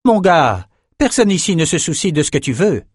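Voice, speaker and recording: A man's voice: on the high side, expressive, normal speed, no room sound, clean studio sound, pitched above the performer's own voice, natural voice. A man voicing a cruel, domineering woman who owns gladiators, in a scornful, commanding tone in a storybook reading.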